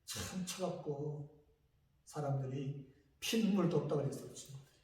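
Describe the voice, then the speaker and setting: A middle-aged male pastor gives an emotional testimony during a sermon, telling his story with shifting intensity. His voice is slightly high, a little mellow, and at normal speed, captured from a distance in an echoey church hall.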